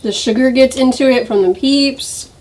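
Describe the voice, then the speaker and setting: A woman who is a guest on a casual taste-test vlog, chatting easily and giving quick opinions. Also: sits high, a little mellow.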